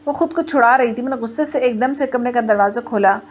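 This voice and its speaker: A woman's voice: on the high side, quick pace. A woman in her twenties narrating a first-person family story in a plain storytelling way, voicing the quoted lines in her own voice. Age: 20s.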